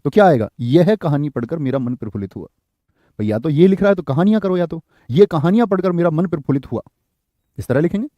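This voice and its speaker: A man teaching grammar in a live online class, often asking the class questions and slowly repeating corrected sentences. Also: high voice, no echo, muffled recording. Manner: keeps asking the class questions and checking with "theek hai".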